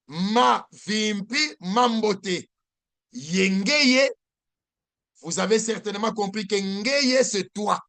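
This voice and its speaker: A man teaching a language lesson, saying each phrase slowly and repeating it for learners. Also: high voice, gravelly, fairly bright tone.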